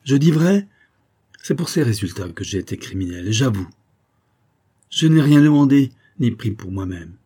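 A man's voice: mid-range voice, very animated, normal speed, pauses often, mellow, husky, voice pushed up. A man voicing a devoted male assistant who confesses to a murder in a fervent, pleading way, in a storybook reading.

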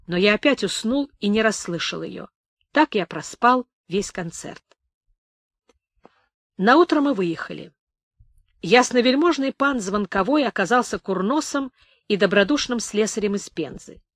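A woman's voice: mid-range voice, expressive, unhurried, dry recording. Woman reading a memoir, dry sound. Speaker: audiobook reader. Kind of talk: literary memoir narration.

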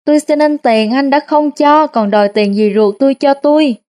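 A woman's voice: sits high, normal speed, lightly acted. A woman reading a story aloud and voicing a shifty male swindler who begs and whines through tears. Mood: whining. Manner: whining, begging, wailing loudly. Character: shifty male con man, tearful and pleading.

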